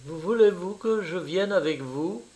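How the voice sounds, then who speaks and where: Male reader doing a young Italian woman, raised pitch, curt and contemptuous. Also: a little slow, darkish tone. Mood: abrupt.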